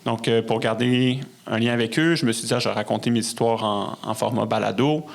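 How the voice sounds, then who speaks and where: A musician and storyteller appears as a guest on a podcast, speaking casually with a Québécois French accent. His medium-pitched voice is brisk and carries some vocal fry. He comes across as reflective and a bit hesitant.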